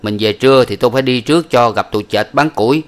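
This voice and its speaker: A man reading a storybook aloud, voicing a coarse, bossy rustic stepfather who gives loud, curt orders. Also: mid-range voice, fast, natural voice.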